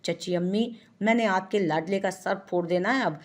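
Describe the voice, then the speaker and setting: A woman's voice: mid-range voice, moderate pace, lightly acted. A woman reading the lines of a hot-tempered young woman who scolds and threatens in an irritated way. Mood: annoyed.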